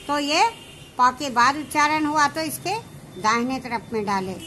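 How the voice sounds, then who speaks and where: A woman teaching shorthand, explaining each step slowly and checking whether her students understand. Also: high-pitched, animated, pushed and bright, a little hiss or hum. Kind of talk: slow classroom explanation.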